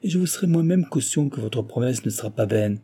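A man's voice: mid-range voice, lively intonation, fairly quick, mellow, breathy edge. A man voicing a young, earnest and compassionate heiress who speaks urgently.

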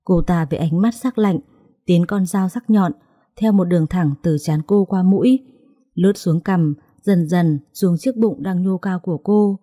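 A woman telling a dramatic story in a steady, low voice. Her tone is dark and mellow, close to the mic and dry, with no room around it. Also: a little slow, dry recording.

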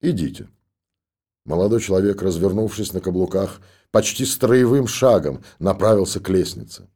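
A man narrating an audiobook in a steady, even reading. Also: low-pitched, normal speed.

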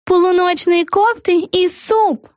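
A squeaky little witch girl. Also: steady tone, takes it slowly, dry recording, clean studio sound. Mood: reading aloud. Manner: squeaky, wide-eyed and blurting. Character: excitable chatty young girl witch. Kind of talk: audiobook character voice.

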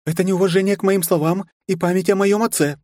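A young noblewoman speaks high and firm, used to being obeyed yet warm underneath, as a man puts her on. The audiobook voice sits close and dry, with no room around it. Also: fairly quick, husky, no echo. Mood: commanding. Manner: high falsetto, firm and imperious. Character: young noblewoman, kind but commanding. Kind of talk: audiobook character voice.

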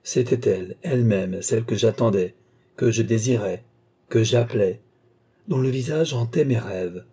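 A man narrates a classic story in a measured, literary audiobook reading. His voice is dark and mellow, with a husky grain. He voices the dialogue only lightly. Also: medium pitch.

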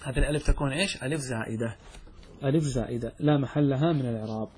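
A man teaching Arabic grammar in a lesson, questioning his students and reciting verse slowly. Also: medium pitch, darkish tone, slight background noise. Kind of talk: classroom lesson explaining grammar.

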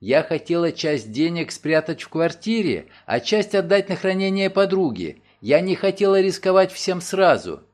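A man's voice: fairly high pitch, big pitch swings, normal speed, hardly any pauses. A man voicing an anxious young woman who was robbed, speaking in a raised, breathless and pleading way in an audiobook. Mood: agitated.

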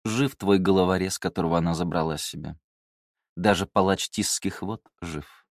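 A man's voice: low voice, moderate pace, dry recording, studio quality. A man reading the lines of a haughty, scheming woman and mother, speaking in a cold, clipped way with barely held rage.

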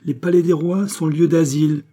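A man's voice: medium pitch, a little fast, mellow, slightly rough, lightly acted. A man reading aloud, voicing a weary, resigned king who speaks in a raised, anxious voice. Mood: troubled. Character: weary, resigned middle-aged male king.

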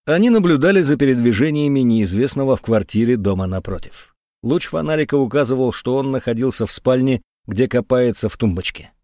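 A male audiobook narrator reading with expressive, ironic storytelling. His pitch moves a lot, and the close mic gives a dry, intimate sound. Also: brisk, no echo. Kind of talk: scripted narration.

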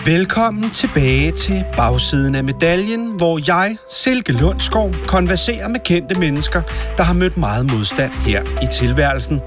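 A man voicing a smug, tactless woman radio host who speaks in a patronizing, deliberate way. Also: a little high, expressive, over music, natural voice. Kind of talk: sketch comedy.

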